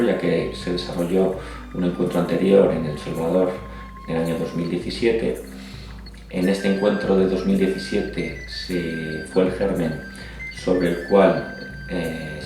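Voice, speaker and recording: A man calmly explaining an upcoming regional meeting in a measured interview manner. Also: deep voice. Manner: measured, explanatory, listing facts. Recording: roomy, distant mic with background music.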